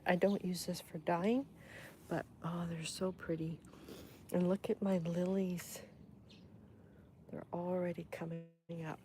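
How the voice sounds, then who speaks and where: Walking around her garden with phone in hand, a livestream host talks affectionately and meanders from topic to topic. She has a mellow, fairly low-pitched voice, and a little background noise comes through.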